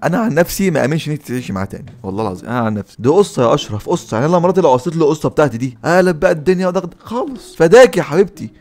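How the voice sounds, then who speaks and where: Egyptian guy doing sarcastic reaction commentary, talks super fast, over-the-top teasing. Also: fairly high pitch, very animated, darkish tone. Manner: mock-soothing, teasing, exaggerated. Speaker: reaction video host.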